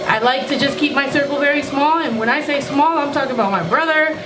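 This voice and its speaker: A woman's voice: sits high, fast. A woman talking casually while walking on a treadmill, rambling in slangy speech and swearing freely. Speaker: vlogger and rapper hosting a Q&A. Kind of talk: casual vlog chat. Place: indoors on a treadmill. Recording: roomy echo, loud ambient noise.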